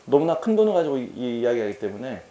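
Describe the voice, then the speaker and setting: A man's voice: mid-range voice, very animated, fast, mellow, roomy sound. A man teaching English vocabulary in a casual exam-prep lecture. He talks in a chatty, slangy way and keeps asking his students questions.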